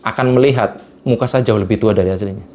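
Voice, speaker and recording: A man's voice: fairly low pitch, fast, dark tone. A man in a casual interview, explaining with everyday examples and chuckling often. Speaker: guest speaker on vibration and energy.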